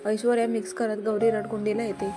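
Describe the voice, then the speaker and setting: A woman narrating a serial story in a brisk, plain storytelling manner. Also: medium pitch, little pitch movement. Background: background music.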